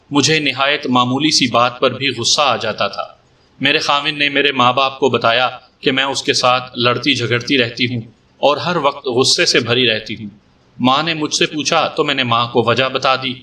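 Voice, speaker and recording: A man's voice: mid-range voice, sharp tone, distant mic, lightly acted. A man reading as a bold young woman on the record. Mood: frank. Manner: frank and defiant. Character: young woman giving a police statement, bold. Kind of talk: audiobook story reading.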